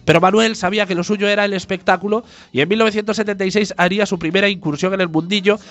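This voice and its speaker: High-voiced man hosting a podcast. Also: steady tone, fast talker, a bit bright. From A Coruña, Galicia, Spain. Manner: mock-grandiose storytelling, ironic. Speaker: podcast host. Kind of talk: scripted podcast narration and banter.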